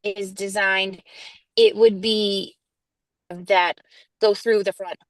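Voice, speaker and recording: A woman's voice: medium pitch, steady tone, no echo, rough recording. A woman applicant answering board questions at a public meeting over a remote call, with her audio breaking up and cutting out. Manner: halting, slow, with fillers and restarts. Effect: audio cutting out over a remote connection. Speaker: applicant before a zoning board.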